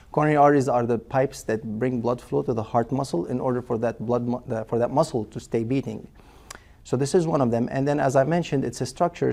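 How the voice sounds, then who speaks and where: A cardiologist from Lebanon in his forties patiently explains things as an interview guest, using frequent fillers and restarts. His voice is medium-pitched, creaky, and warm.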